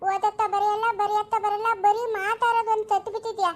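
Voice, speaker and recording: Brief: fiery village mother, played by a woman, quick sharp comebacks at a brisk clip. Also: very high voice, flat delivery. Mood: scolding. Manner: sharp scolding retorts. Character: defiant young village mother, proud of daughter.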